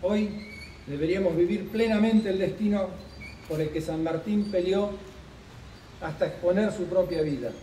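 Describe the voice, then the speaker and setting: A middle-aged man reading a formal commemorative speech at a podium outdoors, in a measured, solemn delivery with deliberate pauses. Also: high voice, dark tone, a little hiss or hum. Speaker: official speaker at a commemoration. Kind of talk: formal speech read from notes. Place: outdoor park gazebo at a ceremony. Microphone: podium microphone, recorded from a distance. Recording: roomy, distant open-air sound.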